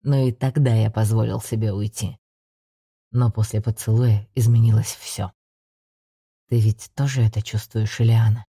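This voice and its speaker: A woman voicing a male necromancer professor, speaking in a soft, slow, coaxing way. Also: extremely low pitch, fairly even intonation, husky, dry recording, studio quality, voice pushed down, full character voice. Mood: tender.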